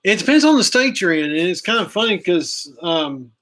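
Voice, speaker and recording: This is a man hosting a casual live stream outdoors, with a fairly high voice and a bright, forceful tone. He rambles in a friendly way, trails off, and backs up to correct himself as he goes. He speaks to a camera that he sets up himself. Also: very animated, normal speed. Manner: rambling, self-correcting, chatty. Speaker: host of a live outdoors channel. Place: outdoors, chilly. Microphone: camera he angles himself.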